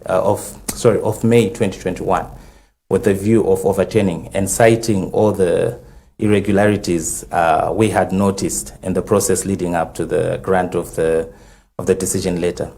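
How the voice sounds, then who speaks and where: A man with a Zambian English accent, speaking as legal counsel on a TV panel and methodically recounting a timeline with many pauses and fillers. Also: low-pitched, fairly even intonation, vocal fry, a little mellow. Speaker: legal counsel for a conservation group. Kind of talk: studio TV panel discussion.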